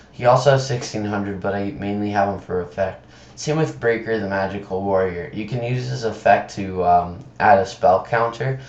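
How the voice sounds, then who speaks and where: A man giving casual commentary on a screen recording, halting and stumbling over words, sick with a sore tongue and throat. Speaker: presenter of card game videos. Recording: dull, roomy low-fi computer mic.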